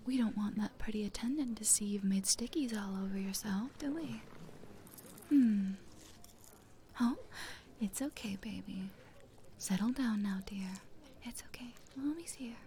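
A woman speaking in a soft, coaxing, teasing whisper close to the mic, as in an intimate audio roleplay. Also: mid-range voice, moderate pace, slight background noise.

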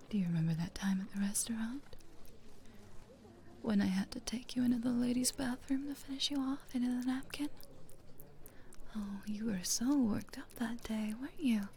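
Slow, mellow whispering woman. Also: a little high. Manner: soft coaxing whisper, soothing and teasing. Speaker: audio roleplay performer. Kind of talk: whispered intimate audio roleplay.

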